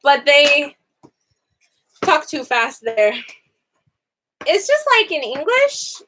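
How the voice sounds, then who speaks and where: A young woman runs a casual online class teaching basic Spanish phrases, chatting in a lively way, laughing often, and swooping between high and low notes. She takes her time, and there's noise in the background.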